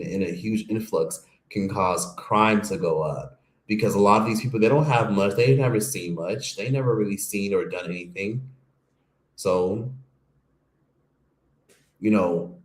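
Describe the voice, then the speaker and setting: A man from the United States hosting a stream, giving a casual, profane, rambling opinion monologue. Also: on the low side. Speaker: streamer host. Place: home streaming setup. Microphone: streaming microphone. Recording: echoey room.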